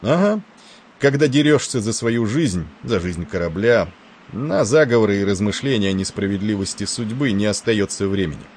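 Man doing a gruff pompous old admiral. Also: fairly low pitch, lively intonation, moderate pace, a little mellow. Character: gruff imperious older male admiral.

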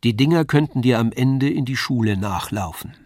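A man reading a storybook aloud, voicing a kindly middle-aged father who calls out loud and hearty. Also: medium pitch, lively intonation, normal speed, dry recording, studio quality, natural voice. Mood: warning.

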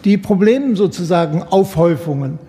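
Appearing as a guest on a radio panel, a man speaks in long, winding academic sentences at a moderate pace and in an animated way. His voice is high, soft and mellow, and a long reverb trails each phrase.

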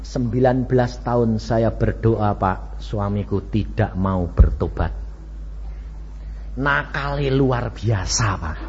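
A male preacher with a Javanese accent voicing a worried middle-aged woman who pleads slowly for help with her husband. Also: fairly low pitch, a little mellow, pitched below the performer's own voice. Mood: pleading. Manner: pleading, slow. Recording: dull lo-fi with faint background noise.

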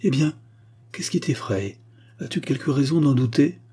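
A man's voice: mid-range voice, lively intonation, moderate pace, warm tone, husky, voice pushed up. A man voicing a remorseful, tender aristocratic mother in an audiobook reading, earnest and confiding.

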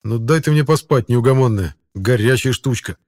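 A man's voice: medium pitch, moderate pace, a little mellow, dry recording, clean studio sound, close to an everyday voice. A man playing a smug sleepy young man. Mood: drowsy. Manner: drowsy, teasing drawl.

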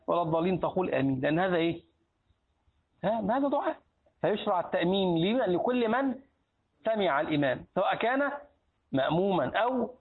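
A man's voice: high voice, husky. A man teaching a lesson on Islamic law in colloquial Egyptian Arabic, asking his students questions and answering them himself. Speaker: sheikh teaching a hadith book. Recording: tinny lo-fi phone-like recording.

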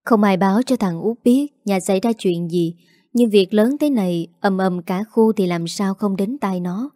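A woman narrating an audio story in an even, measured way. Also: medium pitch, dry recording, studio quality.

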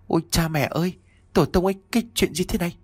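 A man's voice: deep voice, very animated, brisk, no room sound. A man voicing a boastful, drunken young village man in a storybook ghost tale. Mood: panicked. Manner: brash, cocky, then panicky.

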